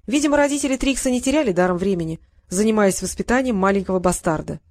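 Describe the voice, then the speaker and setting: A woman narrating a fantasy audiobook in a steady storytelling manner. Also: mid-range voice, fast, dry recording. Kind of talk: scripted narration.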